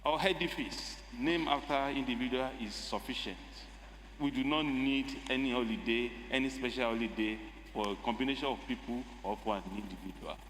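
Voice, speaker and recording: A man with a Nigerian accent giving a measured, emphatic formal speech as a state lawmaker. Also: mid-range voice, fairly bright tone. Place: legislative chamber. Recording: echoey assembly hall with faint noise.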